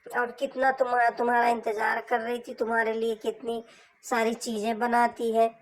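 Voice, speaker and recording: A woman voicing a gentle middle-aged mother who mildly scolds her daughter in a homemade family drama skit. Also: a little high, flat delivery, moderate pace, natural voice, rough recording. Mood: mildly scolding.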